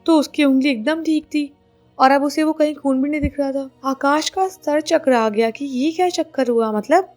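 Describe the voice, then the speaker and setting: A woman's voice: sits high, moderate pace, darkish tone, faint music behind. A woman narrating a spooky story in a conversational way, mixing English words into her telling.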